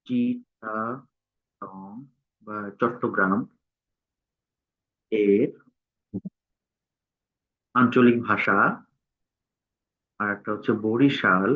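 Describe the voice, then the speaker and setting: Halting man on a tinny line. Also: lowish voice, fairly even intonation. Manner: halting, dictates word by word while typing. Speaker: instructor. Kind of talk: screen-recorded tutorial. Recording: tinny phone-like sound.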